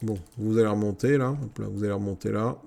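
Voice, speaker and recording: Gravelly man commanding his troops. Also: on the low side, fast, a little hiss or hum. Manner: talks to his troops, excitable outbursts. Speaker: gaming YouTuber. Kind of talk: casual Let's Play commentary.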